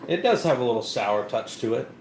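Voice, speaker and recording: A man co-hosting a live beer review, talking in a loose, rambling way full of fillers and restarts. His voice sits at an ordinary pitch. The room rings with echo, and a faint hiss runs underneath. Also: lively intonation, fairly quick. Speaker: beer review show co-host. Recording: echoey room with faint noise.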